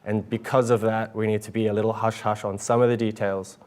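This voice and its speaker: Earnest young New man pitching. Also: level tone, a little fast, darkish tone, clear, resonant tone. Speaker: student competitor pitching a project. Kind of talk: competition pitch and Q&A. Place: stage at an awards event.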